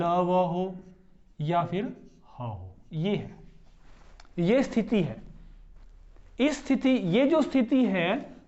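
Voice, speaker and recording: Slow, high-voiced man teaching Hindi grammar. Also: darkish tone, highs cut off. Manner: explains step by step, often asking and answering his own questions; spells out words slowly, syllable by syllable. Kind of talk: classroom-style grammar lesson.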